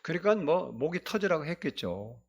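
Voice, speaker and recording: Animated preaching man, high and lively. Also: moderate pace, gravelly, husky, lo-fi sound. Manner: emphatic preaching, prompts the congregation to respond. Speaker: pastor. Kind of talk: sermon. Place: church sanctuary.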